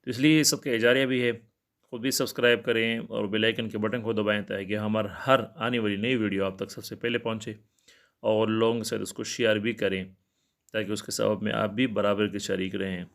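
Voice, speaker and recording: A man's voice: fairly low pitch, steady tone, vocal fry, fairly bright tone. A man teaching Quran recitation, explaining common mistakes plainly and repeating himself. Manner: plain, explanatory and repetitive, with filler pauses.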